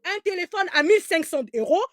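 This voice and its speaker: A German-speaking woman, working as an online commentator, delivers heated live commentary in a very high-pitched, animated, brisk voice. She's emphatic and repetitive, stammering as she restarts, and the recording is dry with studio quality.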